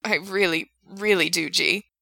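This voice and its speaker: A woman's voice: fairly low pitch, unhurried, creaky, pushed and bright, dry recording, studio quality, exaggerated voice. A woman voicing Frank, a freezing, exhausted young man who mumbles wearily. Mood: earnest. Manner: mumbling, weary.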